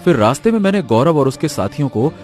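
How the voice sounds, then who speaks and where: A man's voice: a little high, big pitch swings, fast, a little mellow, soft background music. A man voicing a helpful young friend in a cartoon, earnest and advising.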